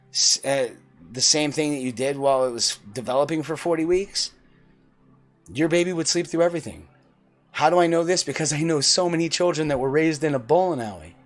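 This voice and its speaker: A man in his forties giving a blunt, profane, preachy monologue. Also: fairly high pitch. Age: 40s. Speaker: vlogger. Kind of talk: opinionated monologue.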